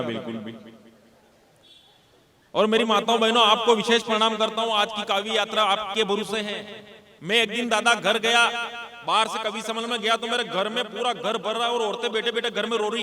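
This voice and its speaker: A high-pitched man tells comic stories from a live stage. His voice is bright and forceful, folksy and playful as he acts out every character in his tales. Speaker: comic poet. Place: live stage before audience.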